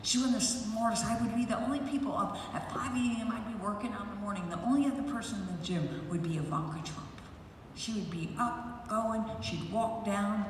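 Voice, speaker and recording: A woman speaking at an outdoor campaign rally who tells rambling personal stories and works up to loud, rousing calls. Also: medium pitch, fairly quick. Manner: rambling storyteller who grows loud and rousing, leads chants. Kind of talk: personal anecdotes in a political rally speech. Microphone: public address system picked up from a distance. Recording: echoey, distant rally sound with crowd noise.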